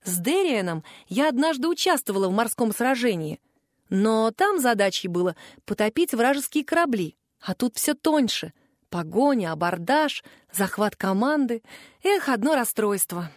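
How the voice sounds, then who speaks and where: A woman narrating a fantasy audiobook in the first person, in a lively, expressive way. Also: fairly high pitch, normal speed, no room sound, studio quality.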